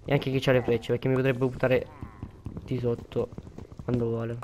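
A man's voice: medium pitch, little pitch movement, normal speed. Young guy chatting over his game, mid voice, bit of faint noise on the mic. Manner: chatty, bursts into panicked repeated pleading. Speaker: gaming video creator. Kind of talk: casual gameplay commentary.

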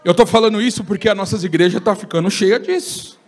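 A Brazilian pastor preaching a fiery sermon at a church congress, breaking into shouted bursts and acting out the voices he quotes. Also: high-pitched, fast.

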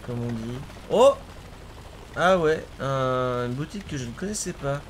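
A man's voice: mid-range voice, expressive, a little slow, slight background noise. A man streaming a video game with his cousin, chatting casually, exclaiming at the action and laughing often. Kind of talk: casual gaming commentary.

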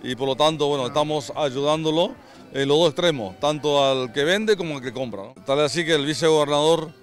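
A middle-aged man giving interview remarks as an official, halting as he searches for words, outdoors on a handheld microphone. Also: a little high, soft background music. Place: outdoors by cattle pens. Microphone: handheld reporter microphone.

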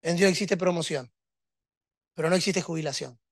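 A man's voice: a little high, moderate pace, dry recording, clean studio sound. A man preaching a sermon, emphatic and rhetorical, with touches of humor.

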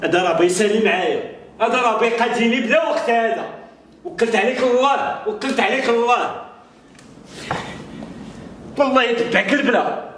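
A man playing an angry mother who scolds her grown son, with a Moroccan accent and sharp shouted rebukes. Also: very high-pitched, a little fast, pauses often. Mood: exasperated. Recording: echoey room, far from the mic, noisy.

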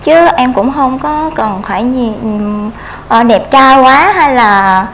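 A young woman answers slowly and shyly, full of polite pauses. Her voice sits somewhat high, with faint noise behind. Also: lively intonation, a bit bright, low-quality recording. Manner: shy, polite, many hesitations. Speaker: dating show contestant. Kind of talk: shy answers on a dating show.

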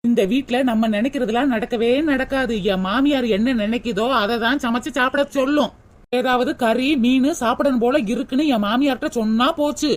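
A woman's voice: a little high, fairly quick, natural voice. A woman voicing a young daughter-in-law in a cartoon, making wry, complaining asides with a southern Tamil accent. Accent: southern Tamil, Tirunelveli.

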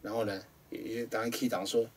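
A man with a Taiwanese Mandarin accent, hosting a studio show and telling a ghost story dramatically, jumping between loud rhetorical questions and hushed asides. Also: on the low side, level tone, brisk, slightly rough, distant mic.

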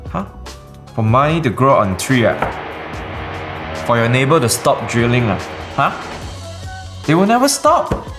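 A man's voice: medium pitch, sing-song, slow, pauses often, music in the background. A young man with a Malaysian English accent, a video host ranting comically in colloquial Singlish-style slang with lah and ah tags. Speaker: tech reviewer, video host.

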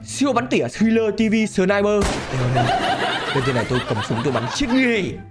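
Excitable gamer man. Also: high-pitched, fast, loud music behind the voice. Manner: excitable, laughs often, talks to viewers. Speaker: gaming channel host. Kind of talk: gameplay commentary.

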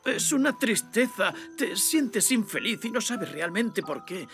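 A man voicing a melancholy, theatrical grasshopper violinist in an animated cartoon. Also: sits high, a little slow, faint music behind, exaggerated voice.

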